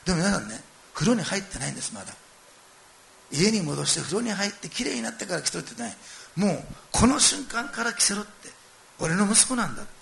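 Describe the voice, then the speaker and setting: Middle-aged man, sermon, gravelly and fast, animated storyteller who speaks directly to the congregation. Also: high voice. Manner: animated storytelling, acting out quoted lines and addressing listeners directly. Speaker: pastor.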